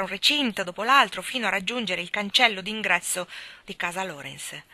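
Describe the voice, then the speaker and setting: A woman narrating a novel as an audiobook reader, with steady, even storytelling. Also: mid-range voice, no echo. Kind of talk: scripted narration.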